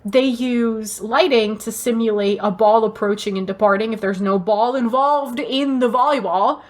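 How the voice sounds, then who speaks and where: A podcast co-host with a fairly high voice chats casually at normal speed. She gushes emphatically through a fan review, tossing in casual swearing.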